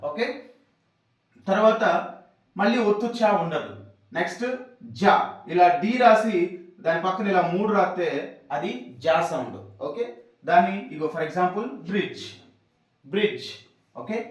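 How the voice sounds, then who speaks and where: A man teaching English sounds step by step, pausing often to remind his students what to remember. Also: sits high. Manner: explaining step by step, repeating reminders. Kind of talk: classroom lesson. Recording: echoey room, voice from far off.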